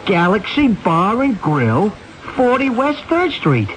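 A man's voice: high-pitched, wildly swooping pitch, slow pace, fairly bright tone, full character voice. An actor playing an earnest, restless man in a radio drama, hesitant and wondering as he talks. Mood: restless, determined. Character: earnest, restless man haunted by a vivid dream. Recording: dull radio recording, faint noise.

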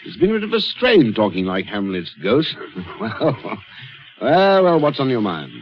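An actor playing a probing, insistent detective inspector in 1940s radio style. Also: male voice, mid-range voice, measured pace. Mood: relieved, frank. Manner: insistent questioning, excitable. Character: intense, probing Scotland Yard detective inspector. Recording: dull old radio recording, some noise.

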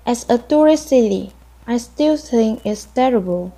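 A woman reading short sentences aloud slowly and deliberately. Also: on the high side, expressive, a crowd in the background, low-quality recording. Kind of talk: read-aloud English sentences.

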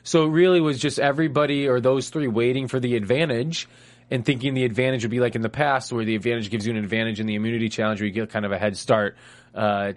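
A male host who speaks loudly and with plenty of excitement. His pitch sits in a middle range, and he runs through his points in a rambling, casual way, like someone chatting on a panel show. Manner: loud, excitable, rambling analysis.

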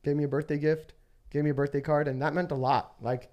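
Earnest, animated young man chatting. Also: fairly high pitch, fast. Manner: earnest, animated when telling stories. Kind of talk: casual chat.

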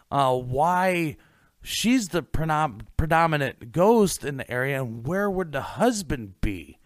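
Animated man co-hosting a ghost podcast. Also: on the high side, no echo, clean studio sound. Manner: animated, hesitant in chat with fillers. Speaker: podcast co-host. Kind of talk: reading a ghost story script, then casual chat.

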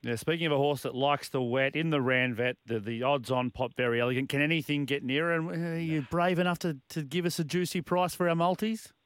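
A man's voice: fairly high pitch, fairly even intonation, fast, hardly any pauses, clear, resonant tone, dry recording. An Australian man co-hosting sports radio, casually chatting about racing into a studio microphone. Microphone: close studio microphone.

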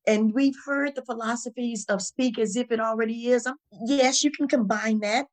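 A woman being interviewed talks reflectively about spiritual and motivational themes, stressing her points with repetition and rhetorical questions. Her voice is on the high side, steady in tone and moderate in pace.

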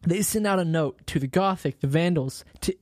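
A woman's voice: lowish voice, moderate pace, darkish tone, dry recording. Woman casually telling history, dry close mic. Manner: storytelling with fillers and laughs, reads quotes aloud. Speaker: podcast co-host telling history. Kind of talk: casual history podcast chat.

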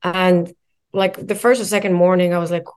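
A woman's voice: fairly low pitch, level tone, moderate pace, smooth. A woman from Morocco, a mindset coach and guest, telling her story in a reflective way and stringing together lists of phrases. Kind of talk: casual interview conversation.

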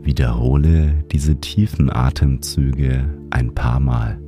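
A man narrating a guided sleep meditation as a podcast host, in the calming manner of a sleep story narrator. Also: a bass voice, slow, music in the background.

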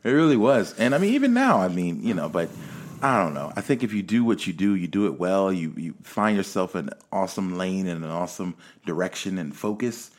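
A man in his late thirties hosting a casual chat, animated and often laughing, his voice trailing off softly at times. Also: low-pitched, brisk. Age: 30s. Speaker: podcast host.

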